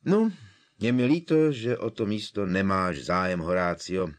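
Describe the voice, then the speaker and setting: A man voicing a calm, kindly old male headmaster wizard with a gentle, dry humor. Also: low voice, natural voice.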